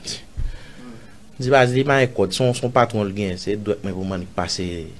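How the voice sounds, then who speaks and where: A man with a Haitian accent, an interview guest recounting a personal story, acting out other people's lines with sudden loud jumps and dropping to murmurs. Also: a little slow. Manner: animated, acts out others' lines in raised voice; drops to low murmurs and whispers.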